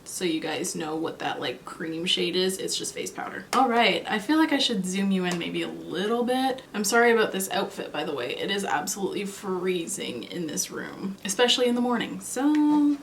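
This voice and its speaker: A woman's voice: medium pitch, animated, normal speed, hardly any pauses, reverberant, slight background noise. A woman in her twenties, chatting and rambling casually as she does her makeup for a vlog. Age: 20s. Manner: chatty, rambling, self-correcting. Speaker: beauty vlogger. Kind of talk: casual chat while doing makeup. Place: cold room at home.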